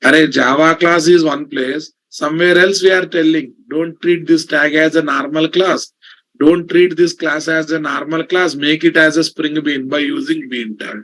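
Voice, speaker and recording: A programming instructor with a Telugu Indian English accent and a fairly high, bright, fairly even voice teaches a live class at normal speed, slowly dictating in repeated phrases and checking in with questions. The recording quality is low.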